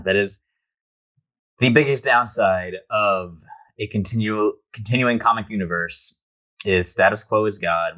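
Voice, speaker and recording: Male podcast co-host, low bright voice, opinionated and eager, dull lo-fi sound. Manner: enthusiastic, opinionated, quick asides. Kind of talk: casual chat about comics.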